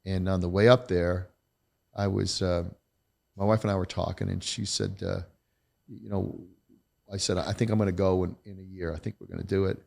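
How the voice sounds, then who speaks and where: Middle-aged male guest, gravelly voice, candid, emphatic storyteller. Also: low voice, level tone, normal speed, darkish tone. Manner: emphatic, blunt, self-deprecating. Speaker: podcast guest, retired federal agent.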